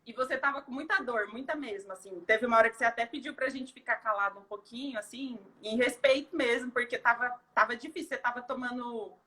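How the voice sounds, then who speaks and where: Bright-voiced woman giving a heartfelt testimony. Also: fairly high pitch, quick pace, few pauses. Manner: tearful, heartfelt storytelling with many fillers. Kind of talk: emotional personal testimony.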